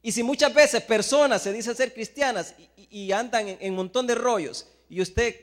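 A man from El Salvador, with a Salvadoran Spanish accent, preaches a sermon that swings between hushed asides and loud, emphatic Bible readings. His voice is extremely high and his pace moderate. A long reverb tail trails each phrase.

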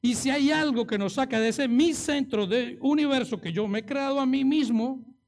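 A man's voice: very high-pitched, moderate pace. A man preaching a sermon, acting out the pleas in the story and asking the congregation rhetorical questions. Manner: dramatic, acts out quoted pleas, rhetorical questions.

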